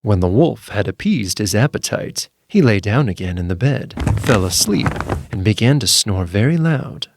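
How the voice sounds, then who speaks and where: A man narrating a scripted fairy tale in an expressive, measured storytelling manner. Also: lowish voice, noisy background.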